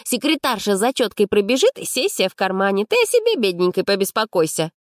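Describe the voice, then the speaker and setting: A woman reading an audiobook, voicing a cynical, sharp-tongued young female student with a scornful, mocking tone. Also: medium pitch, big pitch swings, fairly quick, dry recording, clean studio sound, pitched above the performer's own voice, natural voice.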